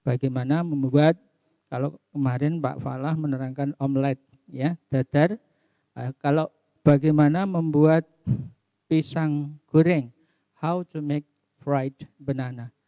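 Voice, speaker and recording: A middle-aged man, teaching an English lesson online and slowly repeating phrases with their translations. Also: a little high, steady tone, no echo, muffled recording.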